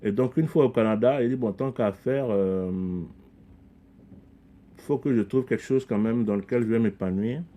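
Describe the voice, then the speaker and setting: A middle-aged community leader from Ivory Coast appears as a guest on a podcast in a conversational interview, speaking earnestly and reflectively. His mid-range voice is mellow at a moderate pace, and he often repeats words as he restarts phrases.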